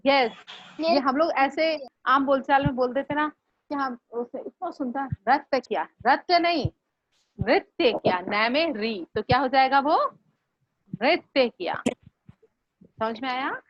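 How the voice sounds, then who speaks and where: A woman teacher giving a slow, patient online lesson, asking her students questions. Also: high voice, no echo. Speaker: Hindi teacher. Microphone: video call. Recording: muffled online class audio.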